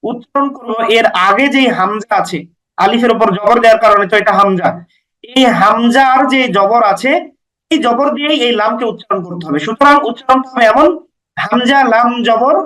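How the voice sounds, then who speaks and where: A man with a strikingly high voice gives a Quran recitation lesson. He works through each rule patiently, repeating letter names and vowel marks slowly so they stick. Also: fairly bright tone, poor audio. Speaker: Quran teacher.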